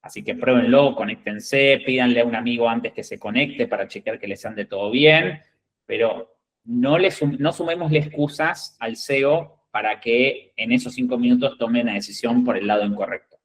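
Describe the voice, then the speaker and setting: An Argentine-accented executive recruiter gives candidates an instructive talk, direct and emphatic, often checking they're following with "¿bien?" and "¿ok?". His medium-pitched male voice moves at a moderate pace, and the recording is rough.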